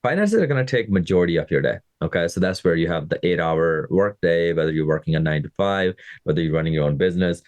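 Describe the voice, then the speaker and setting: A man in his thirties from Pakistan speaks in a low, deep voice on his podcast. He coaches fitness and talks casually to his listeners, often checking in with them. The recording is close and dry, with no room sound. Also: lively intonation, fast, few pauses, a little mellow, no echo, dull audio. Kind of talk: casual motivational podcast monologue.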